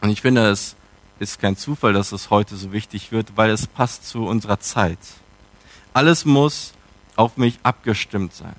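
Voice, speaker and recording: A man's voice: on the low side, measured pace. A man preaching a sermon in a reflective, questioning way, with emphatic turns.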